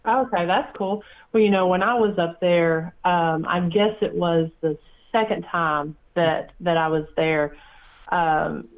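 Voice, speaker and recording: A man's voice: high-pitched, unhurried. A man hosting a podcast, chatting casually with fillers and repeated words. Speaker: podcast host. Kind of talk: casual interview chat. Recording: tinny phone-like line.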